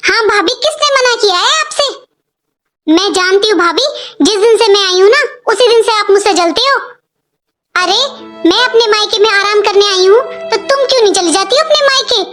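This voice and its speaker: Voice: very high-pitched, lively intonation, moderate pace, soft background music, full character voice. A performer voicing a spoiled young sister-in-law who mocks her brother's wife in a cartoon story. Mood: mocking. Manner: mocking, sharp. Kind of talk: animated cartoon voice acting.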